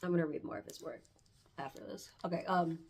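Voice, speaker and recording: Congested from hay fever, this book-review vlogger talks fast in a low-pitched, steady voice with a breathy edge. Her chat is casual and thoughtful, she often hunts for the right word, and she reads passages aloud.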